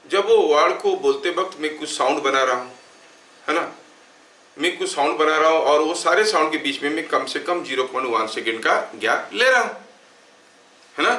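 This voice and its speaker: A bright, slightly high-voiced man lecturing a class, often asking whether students follow and dictating notes word by word. He sounds far from the mic in a roomy space, with a faint hiss behind him. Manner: asks the class frequent check questions, dictates notes slowly. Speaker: physics teacher. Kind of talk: classroom lecture mixing Hindi and English.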